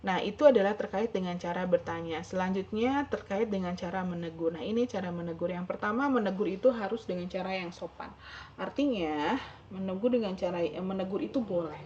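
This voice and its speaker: A woman's voice: mid-range voice, fairly quick, a little mellow. A woman lecturer giving a recorded online lecture, explaining step by step with frequent fillers and self-corrections. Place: home. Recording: dull lo-fi recording, faint background noise.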